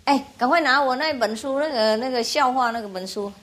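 A woman's voice: high-pitched, brisk, fairly bright tone, slight background noise. A woman teaching an audience, telling jokes in a playful, rambling way and often laughing between lines. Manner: rambling, forgetful asides. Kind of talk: joke-telling talk to an audience.

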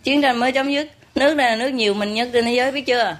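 A woman's voice: a little high, rapid-fire. Chatty Southern Vietnamese woman teacher. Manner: chatty, joking, full of rhetorical tag questions. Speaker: spiritual teacher. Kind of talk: informal teaching talk to followers. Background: audience laughter.

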